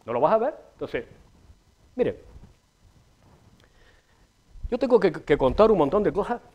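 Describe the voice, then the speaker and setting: Middle-aged canarian guy, high voice, ranting and joking into a lapel mic in a small tv studio. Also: fairly quick, lo-fi sound. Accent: Canarian Spanish. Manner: animated, swearing, rambling, gesturing. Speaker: TV show host. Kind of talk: comic monologue to camera. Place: small TV studio with a city backdrop.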